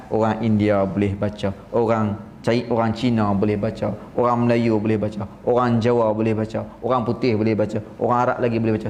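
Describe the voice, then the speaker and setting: A man with a northern Peninsular Malaysian Malay accent giving a religious lecture, telling stories in an animated way. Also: medium pitch, slight background noise. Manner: animated storytelling, mimics recitation styles. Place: seminar room. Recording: roomy seminar room, faint ambience.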